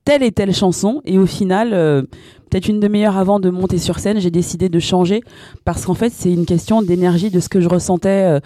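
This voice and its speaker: A woman from France talks through her answers in a mellow, dark-toned voice, stopping often on fillers and restarting her sentences. Her voice is recorded dry and close, with no room sound. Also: lowish voice, brisk, dry recording. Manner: hesitant, many fillers and restarts. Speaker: singer guest. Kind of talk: radio interview answers.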